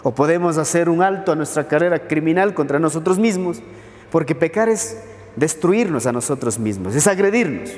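A pastor with an Ecuadorian Spanish accent preaching a sermon, reading scripture and asking rhetorical questions. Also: male voice, a little high, lively intonation, normal speed, a little mellow, long reverb tail. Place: church.

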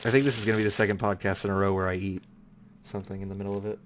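A young man hosting a casual podcast chat, rambling and laughing often, getting animated when he rants. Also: on the low side, racing, slight background noise. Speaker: podcast host.

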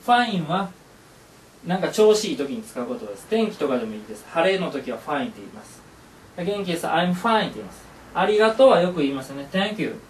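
A man's voice: a little high, big pitch swings, a little fast, slight background noise. A male teacher who gives a classroom lesson, upbeat and encouraging, repeating phrases aloud. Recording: echoey room, voice from far off.

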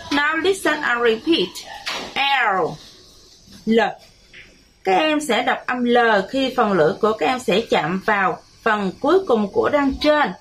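A woman with a Vietnamese accent, a primary school English teacher, leading a bilingual children's lesson with slow, clear repeat-after-me drills. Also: a little high, animated, a bit bright, a little hiss or hum.

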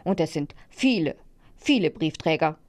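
A woman's voice: low voice, animated, moderate pace, darkish tone. Woman voicing a grumbly helpful dog, easygoing, storybook. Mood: grumbling.

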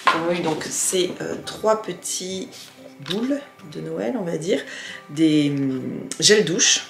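A woman's voice: fairly low pitch, lively intonation, slow, gravelly, echoey room, faint music behind. A woman vlogger chatting casually to camera as she shows off her gifts, gushing and full of fillers and restarts. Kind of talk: casual haul chat to camera.

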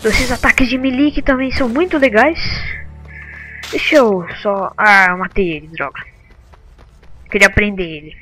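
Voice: medium pitch, normal speed, long pauses, sharp tone, soft background music. A Brazilian game video host giving casual, slangy commentary, thinking aloud while playing.

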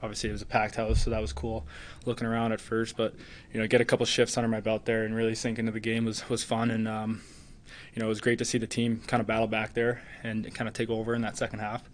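A man's voice: on the low side, monotone, fast, a little hiss or hum. A man in his twenties, a hockey player answering postgame press questions earnestly, with lots of "you know" fillers, at a table mic in an arena press room. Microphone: table mic in front.

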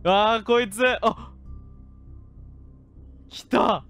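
A man streaming a game, commenting excitedly, jumping from low mutters to rough joking shouts at the characters. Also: drawn-out words, soft background music. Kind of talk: gaming live-stream commentary.

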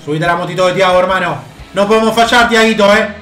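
A young man with an Argentine accent giving excitable gameplay commentary as a video game coach, cheering his players on with bursts of shouting. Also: high voice, fast talker. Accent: Argentine Spanish. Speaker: gaming YouTuber. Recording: roomy home setup with faint background music.

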